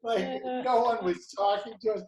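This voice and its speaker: A man's voice: very high voice, normal speed, a crowd in the background. Rambling, profane man in a roomy space. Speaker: podcast co-host. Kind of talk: casual chat. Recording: roomy echo.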